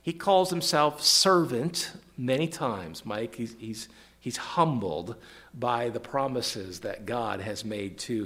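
A man's voice: medium pitch, a bit bright. A man leading an evening Bible study, reading verses aloud with emphasis and quizzing listeners by name, often repeating words as he restarts.

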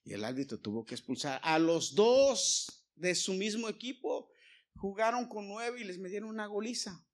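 A fairly high-voiced man, preaching to a congregation. He carries the sermon with anecdotes, acts out the quoted exchanges, and keeps turning to the listeners with asides. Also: animated, moderate pace.

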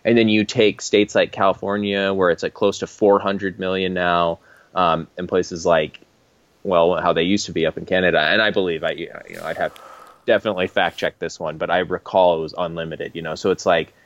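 A filmmaker in a casual podcast chat, explaining at length in an easygoing way with filler words. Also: male voice, low voice, little pitch movement, a little fast, no echo, dull audio. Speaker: independent filmmaker.

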